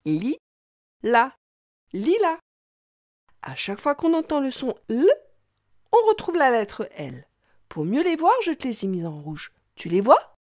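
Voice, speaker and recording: Slow, sing-song woman teaching kids. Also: sits high, sing-song, a little mellow, no room sound, studio quality. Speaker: reading teacher. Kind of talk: children's reading lesson.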